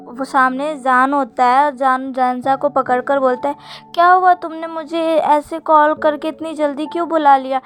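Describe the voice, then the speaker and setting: A woman narrating a fan-fiction story in a steady, plain retelling. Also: high-pitched. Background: faint music.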